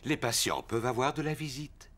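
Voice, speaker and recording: Un homme qui joue un papa cochon débonnaire et un peu maladroit dans un dessin animé. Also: male voice, mid-range voice, fairly quick, fairly bright tone, close to an everyday voice. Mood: playful. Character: Papa Pig, genial bumbling adult father pig. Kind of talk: French cartoon dubbing.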